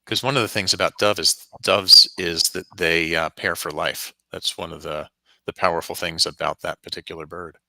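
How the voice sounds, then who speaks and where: A man giving a calm, reflective intuitive reading in easy conversation, laughing now and then. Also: sits low, normal speed, gravelly, no echo, rough recording. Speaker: spiritual reader guest.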